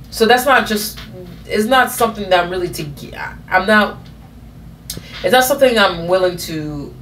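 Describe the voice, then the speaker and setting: In a casual vlog, a woman in her thirties rambles through a personal story, full of fillers and self-corrections. Her voice is lowish with a fairly bright tone, and there's slight background noise.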